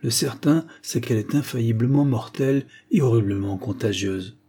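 A man reading an audiobook, voicing a gravely ill male detective who speaks weakly and short of breath yet in a sharp, commanding way. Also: mid-range voice, normal speed. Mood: plaintive. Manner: commanding, sharp, abrupt outbursts.

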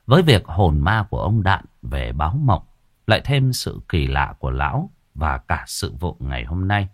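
A man narrating a ghost story in a lively, expressive way. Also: very deep voice, normal speed, no room sound, clean studio sound.

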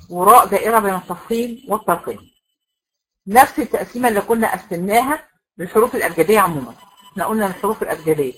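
A woman's voice: medium pitch, pushed and bright, rough recording. A woman with an Egyptian accent teaching a recitation class to women students, explaining rules step by step and asking the class questions that she answers herself. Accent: Egyptian Arabic. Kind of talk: classroom lecture.

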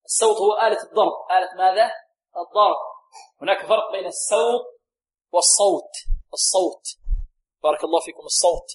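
A man teaching Quran recitation rules, often asking a question and answering it himself, and slowly repeating words to show how to say them. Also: high-pitched. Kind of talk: tajweed lesson with call-and-response questions.

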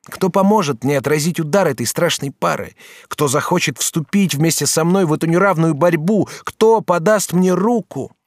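A man doing an anxious young apprentice, impassioned, voice lifted higher, dry storybook reading. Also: normal speed, dry recording, natural voice. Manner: impassioned, rising anxious questions.

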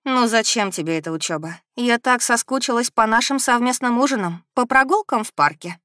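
A woman plays a fussy middle-aged noble mother who pleads and reproaches. Her voice is on the higher side and recorded dry and close. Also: expressive, brisk, pushed and bright, dry recording. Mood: pleading.

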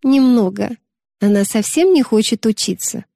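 A woman voicing a gentle, responsible teenage older sister who coaxes patiently. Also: a little high, normal speed, gravelly, no room sound, studio quality. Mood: exasperated. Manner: patient, coaxing.

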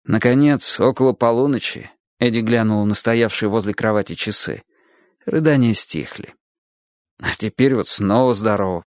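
A man narrating an audiobook in an expressive storytelling manner, giving each character a voice of their own. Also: fairly low pitch, moderate pace, no echo, studio quality.

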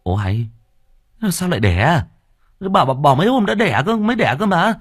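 A man's voice: high-pitched, big pitch swings, very fast, breathy edge, dry recording, studio quality, faint music behind, voice pushed up, heavily acted. A man voicing a flustered young village husband who stammers and hurries.

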